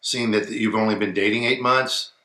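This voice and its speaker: A man co-hosting a casual advice chat, talking in a relaxed way that trails off quietly, and reading a viewer's email aloud. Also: on the low side, normal speed, roomy sound. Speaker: co-host of an advice show.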